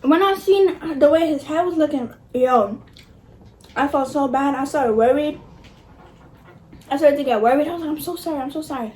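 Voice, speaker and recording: High-pitched young New woman, slangy storyteller. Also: normal speed, long pauses, low-quality recording. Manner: animated, slangy, swearing freely, emphatic. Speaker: vlogger. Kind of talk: casual mukbang storytime. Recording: noticeable background noise.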